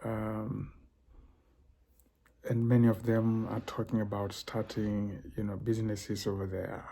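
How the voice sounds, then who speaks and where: Speaking alone, an older man from Tanzania who works as a professor and cultural consultant gives a talk marked by hesitation, frequent fillers and clearing of his throat. His voice is lowish and mellow, and his delivery stays flat.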